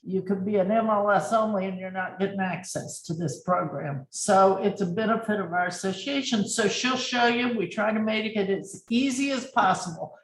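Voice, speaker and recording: A woman's voice: mid-range voice, moderate pace, few pauses, echoey room, poor audio. A woman hosting a webinar on a video call, thanking the speaker graciously. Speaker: association host.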